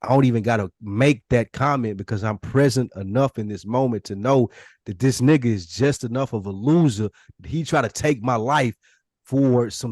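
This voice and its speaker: A man's voice: medium pitch, no room sound, studio quality. A man co-hosting a podcast, talking in a blunt, emphatic, casual way with some profanity. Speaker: podcast co-host.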